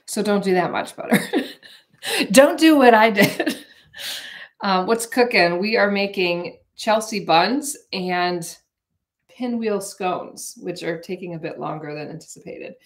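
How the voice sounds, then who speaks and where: A woman's voice: medium pitch, slow. A woman in her forties, chatting in a rambling, casual way with viewers while baking live in her home kitchen, picked up by a camera on the counter. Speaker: vlogger hosting a live cooking stream.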